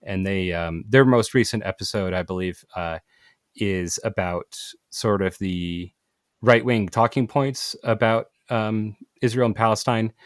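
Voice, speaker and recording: A man hosting a podcast, talking in a halting way with many fillers and restarts. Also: lowish voice, no room sound, studio quality. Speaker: podcast host. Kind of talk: casual podcast conversation.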